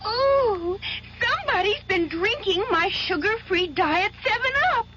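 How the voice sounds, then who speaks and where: An actress playing a prim, fussy grown-up Goldilocks in an old radio commercial. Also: female voice, animated, measured pace. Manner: prim, fussy, high-pitched exclaiming. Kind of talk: 1970s radio commercial acting. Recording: dull old radio recording with hiss.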